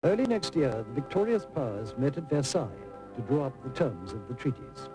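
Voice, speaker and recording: A man narrates a history documentary from a script. His mid-pitched voice rises and falls widely, with music clearly underneath. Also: sing-song, brisk, rough recording. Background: prominent music.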